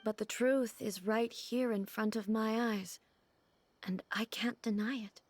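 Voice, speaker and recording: A woman voicing a regal, composed female ruler in a video game cutscene, speaking in measured, formal and earnest sentences. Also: a little high, steady tone. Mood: solemn.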